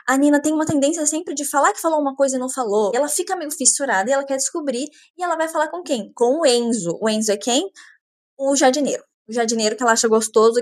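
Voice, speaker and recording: A woman's voice: sits high, no echo. A woman, recapping a novel in a chatty way with sarcastic asides. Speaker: book reviewer. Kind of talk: casual book recap.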